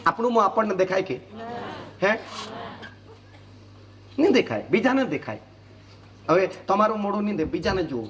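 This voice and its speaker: A male pastor from Gujarat preaching a sermon, firing questions at the congregation and moving between low asides and sudden shouts. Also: normal speed, pauses often, background noise. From Gujarat, India. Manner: lively preaching, quizzing the congregation with "Hallelujah" and "Hey?". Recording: distant mic with loud room ambience.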